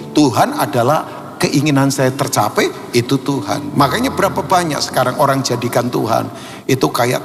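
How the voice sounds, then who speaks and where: A man preaching a sermon, animated, acting out dialogue and shouting for emphasis. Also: medium pitch, vocal fry. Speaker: pastor. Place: large church hall. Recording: long church hall reverb.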